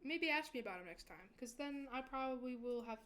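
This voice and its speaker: A woman's voice: sits high, expressive, fairly quick, a bit bright. Giggly young woman streamer chatting. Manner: chatty, giggly, rambling with restarts. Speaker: VTuber streamer. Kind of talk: casual chat with stream viewers.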